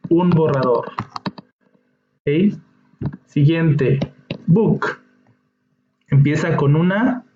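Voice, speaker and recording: A man's voice: fairly high pitch, background noise. A man teaching an English lesson, patiently explaining each step and checking in with his students. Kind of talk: slow classroom explanation. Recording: dull echoey room recording.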